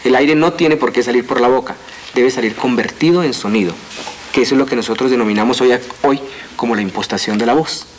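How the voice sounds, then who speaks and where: A man's voice: mid-range voice, fast, slight background noise. A man, a voice coach, explaining his craft in an earnest, lecturing way. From Colombia. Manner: earnest, lecturing, lists things out. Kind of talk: TV interview.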